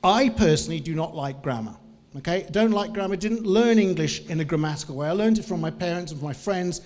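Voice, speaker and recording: A man's voice: high-pitched, lively intonation, quick pace, darkish tone. A man with a New Zealand accent giving a live conference talk, chatty and joking, quizzing the audience. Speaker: conference speaker. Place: large conference hall with audience. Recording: long hall reverb.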